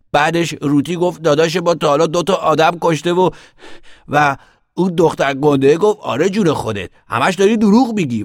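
Man doing a high, loud, eager little boy, tattling fast, dry sound. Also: no echo. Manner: breathless, excited retelling. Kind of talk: audiobook character voice.

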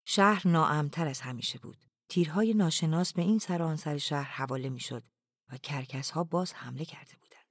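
A narrator reading a novel aloud in a calm, even, often hushed way. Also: medium pitch, no echo, clean studio sound.

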